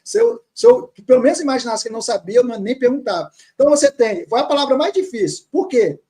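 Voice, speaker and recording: A man teaching grammar, reading words slowly from a text and repeating them patiently. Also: very high voice, sing-song, warm tone. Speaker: teacher of Syriac Aramaic.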